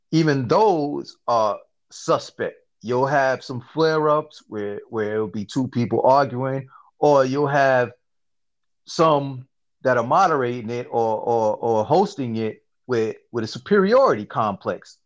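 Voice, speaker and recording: A man hosting a casual podcast, telling stories in an animated, slangy way and often asking "you see what I'm saying". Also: medium pitch, muffled recording. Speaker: podcast host. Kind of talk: casual chat.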